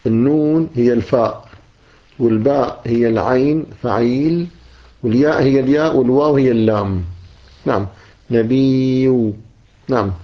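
A man's voice: mid-range voice, normal speed. A man teaching a religious text, explaining each line and repeating key words, often closing a point with "yes.". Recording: dull lo-fi recording.

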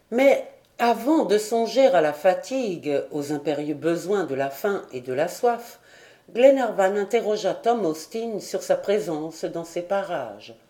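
Woman audiobook reader, slow and mellow, measured classic-novel narration. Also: medium pitch.

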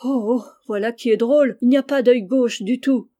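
A simple, earnest old servant calls down answers and plaintive protests, as a woman reading the story voices him. Her voice is slightly higher than her narration and soft in tone. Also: normal speed, natural voice.

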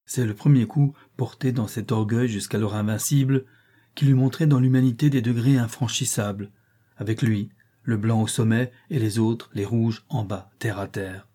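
Husky dark-voiced male narrator. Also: mid-range voice, steady tone. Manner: measured, dramatic reading. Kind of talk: audiobook narration.

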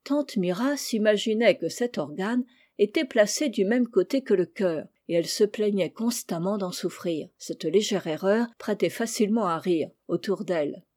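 A woman narrating a classic novel as an audiobook, in a measured storytelling manner. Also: medium pitch, a little mellow. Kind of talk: scripted narration.

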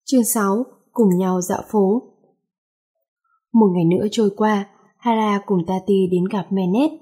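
A woman reading a romance story aloud in a steady, even narrating voice. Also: mid-range voice, moderate pace, breathy edge.

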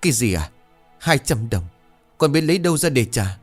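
A man's voice: mid-range voice, sing-song, moderate pace, soft background music, voice pushed up. A man voicing a poor, desperate young mother and grieving wife, tearful and trembling. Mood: begging.

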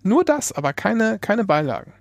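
A man with a fairly high voice chats casually as a podcast co-host. He talks haltingly, working out his thoughts aloud. The sound is close and dry, with no room on it. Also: sing-song, creaky, no echo. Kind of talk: casual chat.

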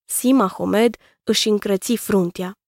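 Calm woman reading a children's story. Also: medium pitch, vocal fry, dry recording, studio quality. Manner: calm, measured reading aloud. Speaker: narrator. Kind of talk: scripted narration of a children's story.

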